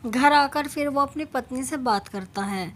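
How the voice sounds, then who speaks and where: Woman telling a moral story, fairly high voice. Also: unhurried.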